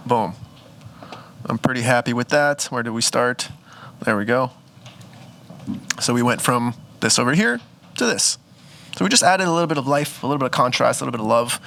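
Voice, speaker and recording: A man talks through his photo edits in a relaxed, chatty tutorial. He thinks aloud and corrects himself along the way. His voice is bright and forward, and his pitch sits in the middle. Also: a little fast, gravelly, pauses often, a little hiss or hum. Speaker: photographer teaching photo editing. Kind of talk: casual screen-recorded editing tutorial.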